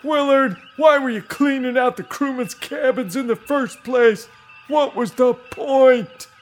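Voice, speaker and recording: A man's voice: very high voice, a little slow, soft background music. A man voicing an exasperated talking horse. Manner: dry, exasperated sniping. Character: sarcastic male horse crew officer. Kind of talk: comedy audio sketch.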